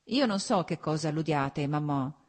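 A woman's voice: low voice, lively intonation, normal speed, darkish tone. A woman reading an audiobook voices a courteous, reserved young male officer who speaks formally to his mother and a lady.

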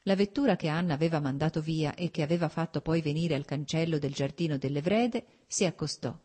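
A woman narrating a classic novel in a measured, expressive storytelling manner. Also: deep voice, breathy edge. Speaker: audiobook narrator. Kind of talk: literary audiobook narration.

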